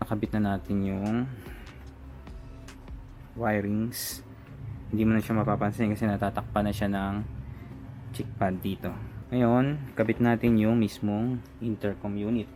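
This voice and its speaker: This Filipino reviewer's lowish, mellow voice stays level, his pace a little slow and broken by long pauses. He casually narrates his own hands-on work through a product unboxing and installation, one step after another. Music plays behind him.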